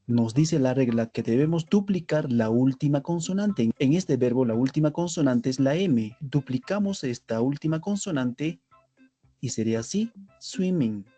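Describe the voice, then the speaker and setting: A man's voice: mid-range voice, warm tone, slightly rough. A man narrating a scripted language lesson, spelling out letters and pairing each word with its translation. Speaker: English teacher.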